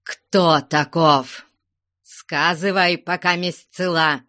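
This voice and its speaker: A woman voicing a stern, angry old merchant father who shouts threats at his family in an audiobook. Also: deep voice, takes it slowly, dry recording, clean studio sound, exaggerated voice. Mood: furious.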